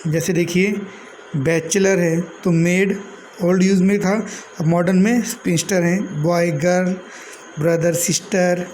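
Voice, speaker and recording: A man with an Indian English accent teaching an English grammar lesson in Hindi, reading word pairs out in slow lists. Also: sits high, steady tone, a little mellow, a little hiss or hum, low-quality recording.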